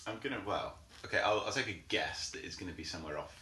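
Low-voiced man thinking aloud. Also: lively intonation, fast talker, bright, forceful tone. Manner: thinks aloud, hesitant with many ums. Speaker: quiz contestant. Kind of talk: casual game chat. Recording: echoey room, faint noise.

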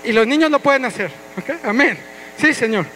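A man, a pastor leading an energetic, playful interactive sermon with his congregation in a church. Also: very high voice, moderate pace, slight background noise, low-quality recording. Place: church hall.

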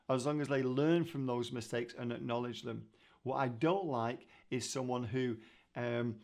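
Middle-aged male teacher, mid pitch, earnest, talks loosely with restarts. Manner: earnest, conversational, with frequent restarts. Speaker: ministry founder teaching on leadership. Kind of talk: recorded teaching talk.

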